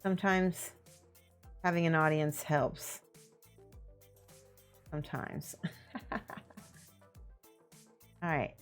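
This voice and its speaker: Painting miniatures on a live stream, a woman with a Midwestern American accent talks through her steps in a relaxed, thinking-aloud way and greets chat viewers. Her voice is low and extremely slow, with long pauses, over soft background music.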